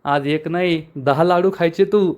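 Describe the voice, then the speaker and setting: A man's voice: fairly high pitch, a little slow, a little mellow, close to an everyday voice. A man voicing a jolly, boastful old head of the family who gloats and teases the people around him. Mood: gloating. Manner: gloating, teasing.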